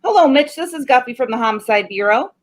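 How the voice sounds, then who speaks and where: Playing a stubborn homicide cop in a 1940s radio play, a woman uses a fairly high voice despite the tough, slangy bluster. Her quick, expressive delivery is sardonic and unimpressed, with a smug, needling mood.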